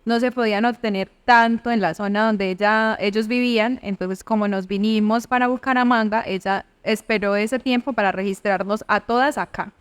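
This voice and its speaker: A woman's voice: medium pitch, fairly even intonation, moderate pace, few pauses, clear, resonant tone. A woman in her thirties with a Santander Colombian accent, a podcast guest chatting casually and laughing often. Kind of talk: casual interview chat.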